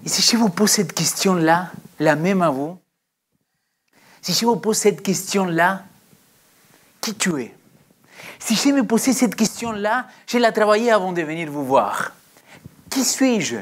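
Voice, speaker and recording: A woman's voice: mid-range voice, animated, measured pace, pauses often, breathy edge. A woman preaching a sermon in a questioning, reflective way, drawing out her phrases.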